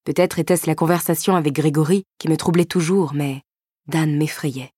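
Female audiobook narrator, low and even, dry studio read. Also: normal speed, husky, no room sound. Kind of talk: first-person novel narration.

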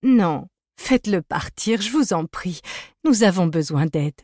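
Woman doing a scared woman pleading for help, low and unhurried. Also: expressive, warm tone, dry recording, studio quality. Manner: pleading, slow. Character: frightened woman begging for help.

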